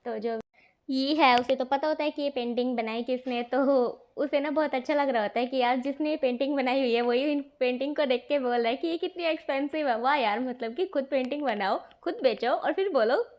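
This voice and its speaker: A woman's voice: sits high, a little fast, a little mellow. A woman narrating a fan story casually, chatty, with many fillers and asides.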